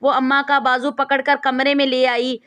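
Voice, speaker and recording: A woman narrates a scripted moral story in a steady, even reading. Her voice sits high, and she keeps the telling calm and measured from line to line. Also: clean tone.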